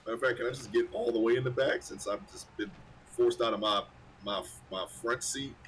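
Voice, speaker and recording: A man's voice: medium pitch, steady tone, a little fast, a bit bright. A man chatting casually while streaming a co-op game, rambling and repeating himself. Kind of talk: casual chat while gaming. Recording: faint background noise.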